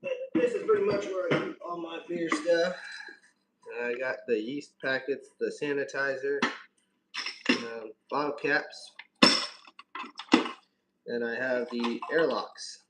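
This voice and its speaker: A man's voice: mid-range voice, big pitch swings, takes it slowly, pauses often. Frat-bro man, distant echoey mic. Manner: laid-back frat-bro slang, mild swearing. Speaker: home-brewing livestream host. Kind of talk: casual livestream chat while demonstrating. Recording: roomy echo, distant mic, faint noise.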